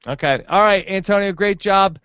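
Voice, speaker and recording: Smooth-voiced man hosting a podcast. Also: sits high, moderate pace, no echo. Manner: relaxed, joking, reads out show plugs. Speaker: podcast co-host. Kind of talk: casual recap podcast chat. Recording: dull, dry home recording.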